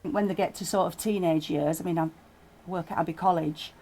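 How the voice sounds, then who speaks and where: A woman's voice: on the low side, steady tone, brisk, warm tone. A woman who works at a college, speaking thoughtfully in an interview with some fillers. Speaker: college staff.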